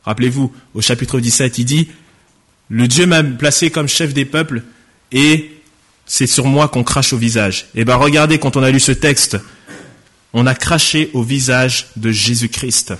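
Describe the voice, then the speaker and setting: A man's voice: medium pitch, a little slow, a bit bright, breathy edge. A man preaching a sermon. He reads a Bible passage aloud, raises his voice for quoted speech, then explains it in a plain conversational way. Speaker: pastor.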